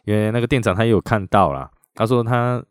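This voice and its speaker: A man's voice: on the low side, fast talker, clear, resonant tone, no echo, clean studio sound. A middle-aged man with a Taiwanese Mandarin accent, hosting a podcast and animatedly retelling a personal story in a chatty way. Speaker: podcast host.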